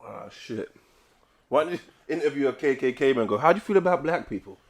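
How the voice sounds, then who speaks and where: A man's voice: mid-range voice, lively intonation, fast, creaky. A young man, co-hosting a casual podcast, joking and swearing freely and mimicking other voices. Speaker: podcast co-host.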